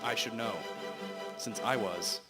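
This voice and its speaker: A young man, a teenager or young adult, speaks slowly in a fairly low voice as the storyteller of a detective radio drama, recalling an old case in a reminiscing mood. He reads the script with occasional stumbles, and loud music plays over the amateur recording.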